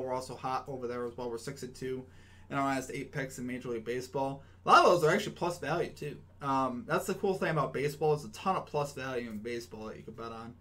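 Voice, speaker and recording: A man's voice: mid-range voice, fast talker, fairly bright tone. A young man hosting a sports betting show, talking through his picks in a loose, chatty way with plenty of ums and restarts. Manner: chatty, many ums and restarts, upbeat sign-offs. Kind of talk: casual sports betting breakdown.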